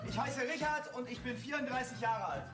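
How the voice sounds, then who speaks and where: A man's voice: very high voice, a little fast. An actor in his thirties playing a shy, hesitant bachelor in a stage comedy. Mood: nervous. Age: 30s. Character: shy nervous bachelor man. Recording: roomy stage from far off.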